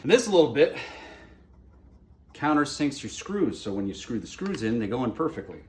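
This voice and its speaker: This man speaks in a mid-range, sing-song voice at a moderate pace, narrating a hands-on DIY tutorial with easygoing, folksy wit. He's a radio morning show host, and a clear music bed runs under his voice amid heavy background noise.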